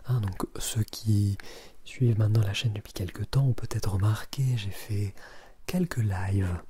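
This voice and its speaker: A man doing a casual whispered ASMR chat, breathy and very close to the ear, often pausing and repeating his words. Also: fairly low pitch, dark tone. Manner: hesitant, repeats words and phrases. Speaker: ASMR video creator and streamer.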